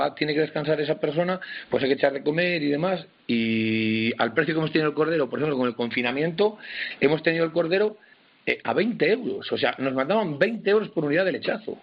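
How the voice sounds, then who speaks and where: Farmer on a dull phone line. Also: male voice, on the high side, fairly quick. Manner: hesitant, restarts often, plain-spoken. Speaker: sheep and cattle farmer. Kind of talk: phone-in radio interview.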